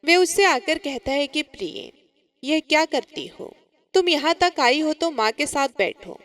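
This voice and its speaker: A woman's voice: high voice, a little slow, fairly bright tone, dry recording. A woman voicing a mild young husband. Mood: coaxing. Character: gentle young husband and son.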